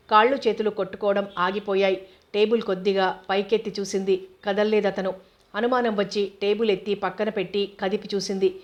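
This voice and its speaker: A woman narrating a novel aloud at a steady, measured pace. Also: medium pitch. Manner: steady, even reading. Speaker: audiobook narrator. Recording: dull lo-fi recording.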